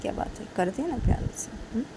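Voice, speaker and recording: A woman's voice: on the high side, lively intonation, fast talker, noisy background. A woman voicing a young female student who pleads and cries, repeating her questions in a whiny way, while telling a story. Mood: coaxing. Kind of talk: storytelling role-play.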